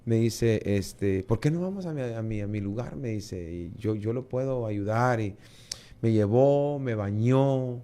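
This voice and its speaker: A man with a Guatemalan Spanish accent tells his story as an interview guest. He gets animated, putting on the voices of the people he met and doubling up on words as he goes. His pitch sits in an ordinary middle range. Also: measured pace. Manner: lively storytelling, acts out dialogue, repeats words. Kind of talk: testimony in an interview.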